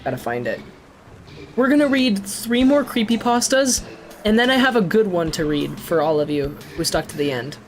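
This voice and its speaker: A man chatting casually on a live stream, excitable and jokey, laughing often. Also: high-pitched, normal speed, a little hiss or hum. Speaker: streamer reading creepypastas.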